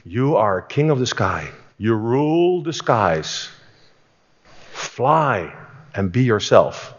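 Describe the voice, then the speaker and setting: A man voicing the farmer's earnest friend, who speaks in a slow, proclaiming way in a reverberant hall. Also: medium pitch, very animated, a little hiss or hum. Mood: solemn. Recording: reverberant hall, dull sound.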